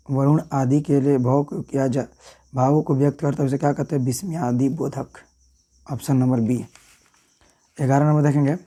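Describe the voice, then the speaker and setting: A man's voice: medium pitch, mellow. A man, talking through exam answers as a teacher in a casual way and often checking in with "thik hai" and "right".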